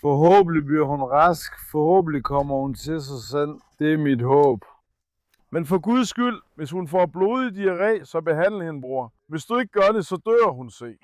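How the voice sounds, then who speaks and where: Young adult male vlogger, earnest and coaxing; a somewhat high voice, dry recording. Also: animated, no room sound. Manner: gentle and coaxing with the dog, earnest when addressing viewers. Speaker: animal caretaker and channel host. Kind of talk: casual vlog explaining care of a sick puppy.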